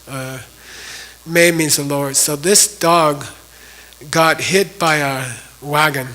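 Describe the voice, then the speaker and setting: A man's voice: on the high side, a bit bright, rough recording. A man teaching a class, telling a story in a loose, chatty way full of "you know". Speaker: Buddhist teacher.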